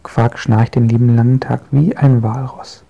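Man, storyteller, gravelly, husky, children's audiobook. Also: medium pitch, normal speed, highs cut off. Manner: gentle, lively storytelling.

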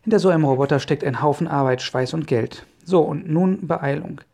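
Man voicing an inventor professor, hearty, hurried, gravelly, dark, children's audio story. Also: fairly high pitch. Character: excitable inventor professor, middle-aged man.

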